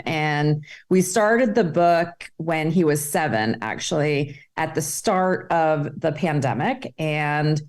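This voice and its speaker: A middle-aged woman from Egypt, guest on a podcast, with a notably low voice for a woman. She recounts her path in a thoughtful, measured way, taking her time over each point. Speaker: guest, public health specialist and author. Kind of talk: podcast interview.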